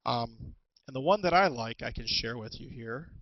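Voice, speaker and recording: A man presenting an instructional webinar as a teacher, talking through tools in a halting way with many ums and restarts, on a headset. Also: medium pitch, expressive, dry recording, lo-fi sound. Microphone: headset with headphones.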